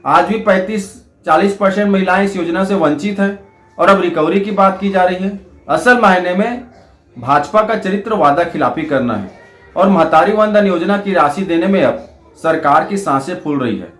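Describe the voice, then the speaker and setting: High-voiced man making accusations. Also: normal speed, a bit bright, reverberant. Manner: accusing, emphatic. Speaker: opposition party spokesperson. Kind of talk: political statement to press.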